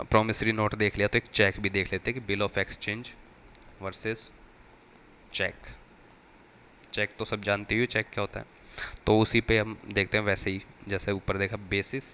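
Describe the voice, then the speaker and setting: A man's voice: lowish voice, pushed and bright, slight background noise. A man teaching an accounting lesson for exam preparation, explaining step by step and repeating key terms. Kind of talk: exam-prep lecture.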